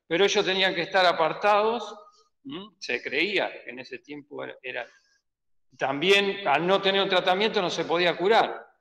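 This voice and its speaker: A man with an Argentine Spanish accent giving an earnest Sunday school Bible lesson, often pausing to ask "¿no?" and "¿mm?". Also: sits high, animated, a bit bright. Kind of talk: church Bible teaching. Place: church hall. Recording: echoey church hall with long reverb.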